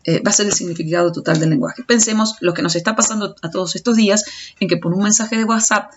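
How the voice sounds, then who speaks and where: A woman's voice: medium pitch, fast talker. A woman teacher giving a recorded audio lecture, explaining step by step and stumbling over restarts. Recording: dull lo-fi recording.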